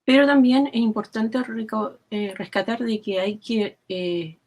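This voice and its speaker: A woman from Chile with a Chilean accent, giving earnest, thoughtful answers as an interview guest and often pausing to search for words. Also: on the high side, a little mellow. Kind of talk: explanatory interview talk.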